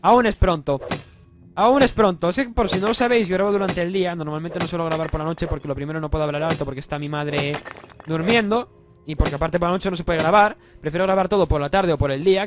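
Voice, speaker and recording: Against a noisy background, a young man from Spain with a Spanish accent and a highish voice narrates a let's play as a gaming YouTuber. His sore throat leaves him a bit congested, but he's excitable, swearing, joking, and bursting into yells.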